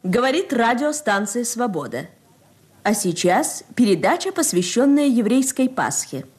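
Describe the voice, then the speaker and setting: A woman's voice: on the high side, sing-song, a little slow, a little mellow, slightly rough. A woman making a formal station announcement, heard through a fading shortwave radio broadcast from an old archive.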